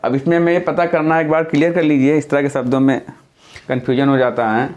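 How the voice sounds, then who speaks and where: A man's voice: on the high side, little pitch movement, quick pace, a little mellow. A man teaching a lesson, who explains patiently step by step, repeats key points and corrects himself as he goes. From India. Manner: self-correcting, thinking aloud mid-explanation. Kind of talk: classroom-style lesson.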